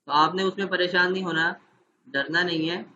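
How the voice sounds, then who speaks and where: A man's voice: sits high, steady tone, sharp tone, highs cut off, slight background noise. Man giving an online teaching lesson. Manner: explanatory, checks understanding often. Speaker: Quran teacher trainer. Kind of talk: online training lecture.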